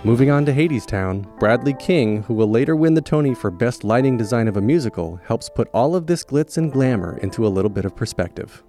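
A man's voice: medium pitch, lively intonation, a little fast, few pauses, dark tone. A man reading scripted linking narration over plucked guitar music.

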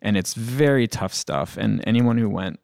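A man speaking as a film critic on a podcast panel, in casual discussion with halting, restarted phrases. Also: fairly low pitch, creaky, a little mellow, smooth, no room sound, studio quality.

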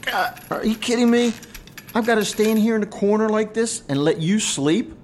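A man voicing an earnest exasperated captive man, slightly higher voice, audio drama. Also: moderate pace, a little hiss or hum, lightly acted.

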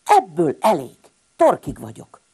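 Woman doing a grumbling little hedgehog boy, storybook figure, loud exclamations, husky tone, lively swings. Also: low-pitched, full character voice. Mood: exasperated.

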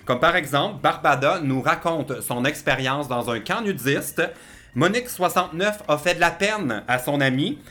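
A man with a Quebec French accent hosting a casual podcast chat, playful and quick to laugh. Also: a little high, sharp tone. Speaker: podcast host.

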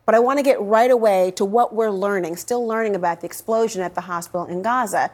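A woman's voice: medium pitch, fast, a little mellow. A woman anchors the evening news and speaks straight to the viewer. She leans hard on key words to make her points. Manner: emphatic, direct to camera. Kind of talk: scripted news presenting.

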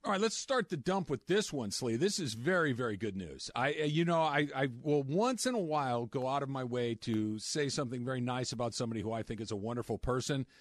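A man's voice: medium pitch, lively intonation, a little fast, hardly any pauses, no room sound, studio quality. A man hosting a casual sports talk show, chatty and joking, often restarting his sentences. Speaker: sports radio host.

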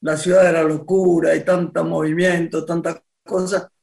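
A woman's voice: on the low side, flat delivery, moderate pace, creaky, a little mellow. A woman chatting in an interview, with affectionate interjections. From Argentina. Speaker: interview guest. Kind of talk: casual interview chat.

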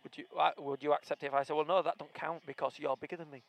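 A man's voice: fairly high pitch, level tone, very fast, creaky. A man co-hosting casual football banter, teasing and wry, often throwing out questions. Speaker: co-host of a football fan podcast. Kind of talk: casual banter and live match reaction.

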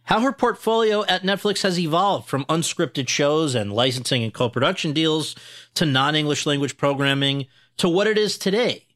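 Man, podcast host, bright, fairly high voice, measured interviewer. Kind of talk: scripted intro then interviewing.

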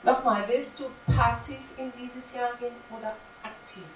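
A woman's steady, slightly high voice carries through an emphatic sermon at a church service, where she poses rhetorical question after rhetorical question at a normal speed. The distant recording has room echo, faint ambience and background noise.

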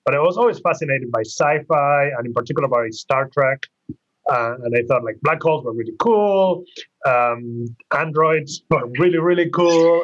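Animated man from Argentina, lo-fi. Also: medium pitch. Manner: enthusiastic, rambling with many fillers. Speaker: physicist guest. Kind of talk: casual interview answer.

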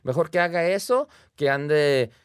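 A man's voice: on the high side, unhurried, clear, resonant tone, no room sound, clean studio sound, lightly acted. A man putting on the voice of his father, a middle-aged man speaking plainly and matter-of-factly in a quoted aside. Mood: relieved.

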